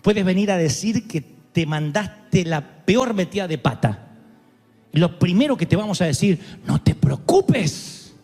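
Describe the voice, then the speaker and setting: A man preaching a sermon as pastor, swinging from cries to soft, slow emphasis. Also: sits high, lively intonation. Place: large church hall. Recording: live church sermon with long reverb and faint music.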